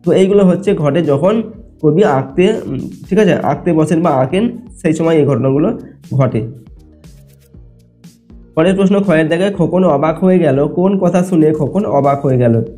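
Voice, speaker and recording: A man's voice: on the high side, normal speed, pauses often, dark tone, soft background music. A man going through exam answers as a teacher, explaining step by step and often checking in with his listeners. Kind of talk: exam answer walkthrough lesson.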